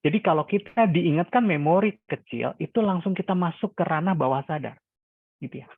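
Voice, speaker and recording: A man with a gravelly, creaky voice lectures calmly and explains step by step, now and then lifting his voice sharply to act out example questions. The sound is dry and narrow, like a phone line. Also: fairly high pitch, a little fast, dry recording. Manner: calm, explanatory, acts out sample questions with sharp rises. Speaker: hypnosis instructor. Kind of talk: class lecture with spoken examples.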